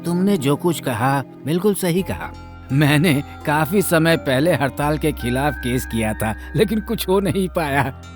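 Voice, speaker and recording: A man dubbing a calm, fair-minded judge in a film courtroom. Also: fairly high pitch. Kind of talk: Hindi film dub.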